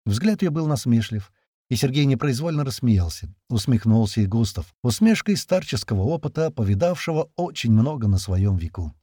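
A man doing scripted narration of an audiobook with expressive, steady storytelling. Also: mid-range voice, moderate pace, no echo, clean studio sound.

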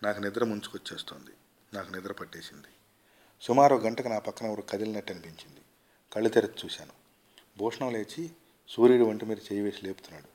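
A man reading a short story aloud in a quiet, even narrating voice. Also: on the low side, quick pace. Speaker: story reader.

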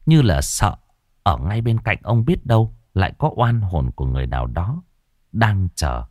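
A man telling a ghost story in a lively, dramatic way. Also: low-pitched, normal speed, no room sound, clean studio sound.

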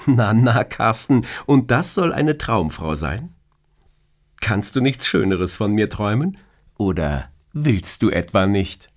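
A man's voice: fairly low pitch, sing-song, slow pace, pitched above the performer's own voice. A man putting on a playful, teasing woman boss. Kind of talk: audiobook character reading.

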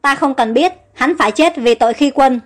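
Rich: A young king snaps cold, curt orders and vows revenge, as a woman reads his lines. The voice stays high, with soft music faint in the background. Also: brisk, natural voice.

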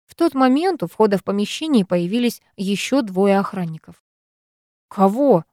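Woman, audiobook narration, expressive, measured, mid pitch, dry close recording. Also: dry recording. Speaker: audiobook reader. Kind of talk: first-person novel narration.

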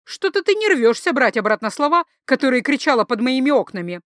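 A woman's voice: sits high, very animated, a little fast, a bit bright, dry recording, clean studio sound, voice pushed up. A woman voicing a blunt, irritated young woman. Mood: exasperated. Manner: blunt, exasperated.

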